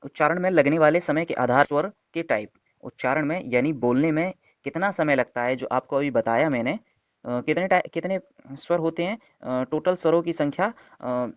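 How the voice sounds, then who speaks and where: A man's voice: fairly high pitch, no echo. A man giving an online exam-prep lesson, explaining step by step and answering his own questions. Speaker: teacher. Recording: dull, dry lo-fi sound.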